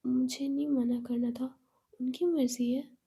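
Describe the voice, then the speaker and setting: A woman voicing a calm, unbothered young woman who answers in a matter-of-fact way. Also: high-pitched, unhurried, breathy edge, full character voice.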